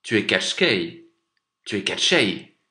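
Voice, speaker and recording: A man's voice: mid-range voice, big pitch swings, unhurried, gravelly, fairly bright tone, echoey room, pitched above the performer's own voice, exaggerated voice. A man voicing a hungry, bold young prince who speaks up eagerly.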